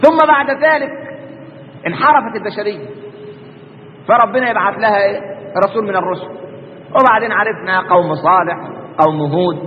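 A man's voice: high-pitched, brisk, pauses often, long reverb tail, lo-fi sound, slight background noise. A man with an Egyptian accent preaching a colloquial religious lesson, constantly posing rhetorical questions and answering them himself. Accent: Egyptian Arabic.

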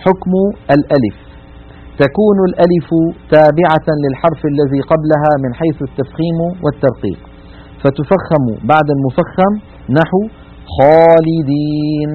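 A man teaching the rules of Quran recitation in a broadcast lesson, patient and methodical, slowly drawing out each example word. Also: fairly high pitch, slightly rough. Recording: tinny, narrow-band radio broadcast.

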